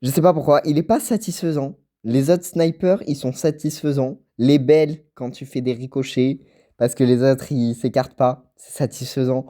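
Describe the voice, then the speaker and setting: A man chatting casually over his gameplay in a relaxed, mellow voice. He rambles, trips over his words and repeats himself as he talks. The pitch sits in a middling range for a man. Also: moderate pace. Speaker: gaming channel host.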